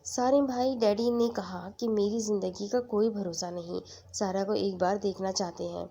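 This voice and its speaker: A woman's voice: mid-range voice, steady tone, vocal fry, mellow. A woman voicing an anxious young man who pleads with a trembling voice. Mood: pleading.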